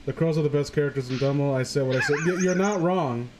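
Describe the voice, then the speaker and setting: Reading a horror story aloud with his own commentary, a man fumbles words and keeps digressing in this casual, comedic session. His voice is on the high side and his pace quick, with clear background noise present.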